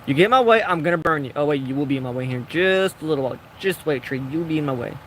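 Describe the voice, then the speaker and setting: A young man with a slightly higher voice gives loose, rambling commentary as he plays, chatting to himself and the game. A faint hum sits behind his voice. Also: racing, fairly bright tone. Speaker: gaming vlogger. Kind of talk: casual gameplay commentary.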